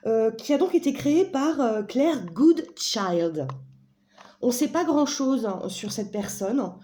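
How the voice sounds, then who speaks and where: Femme bavarde au timbre doux. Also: female voice, medium pitch, mellow, a little hiss or hum. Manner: chatty, playful, frequent fillers and self-corrections. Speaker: vlogger presenting an oracle deck. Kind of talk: casual chat.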